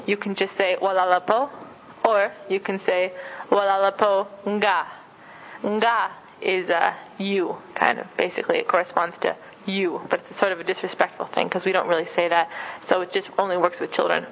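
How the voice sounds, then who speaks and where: A woman at home giving a casual spoken language lesson, with plenty of fillers, who repeats words slowly and carefully. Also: lowish voice, fairly even intonation, slight background noise. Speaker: language teacher. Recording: dull lo-fi recording.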